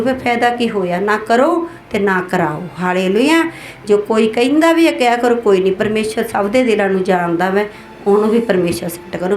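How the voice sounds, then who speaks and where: A woman's voice: a little high, a little hiss or hum. Exhorting woman pastor, echoey hall. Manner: repeats hallelujah between phrases, exhorting. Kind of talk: sermon.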